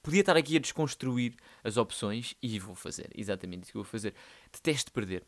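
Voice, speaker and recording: A man's voice: medium pitch, lively intonation, fast talker. A young man with a European Portuguese accent, hosting a solo podcast in a rambling, slangy, playful way. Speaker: podcast host. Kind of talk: casual solo podcast monologue.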